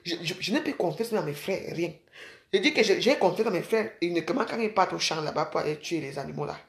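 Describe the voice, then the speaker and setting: A woman's voice: on the low side, expressive, fast talker, vocal fry, echoey room. A woman from Cameroon, rambling casually to her viewers and calling them sisters. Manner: chatty, addresses viewers as sisters. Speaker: vlogger.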